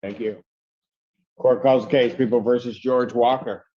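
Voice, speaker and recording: A man presiding as a judge, brisk and matter-of-fact with a casual friendliness, captured in a courtroom recording. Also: mid-range voice, steady tone. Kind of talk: courtroom proceedings. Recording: dull lo-fi courtroom audio.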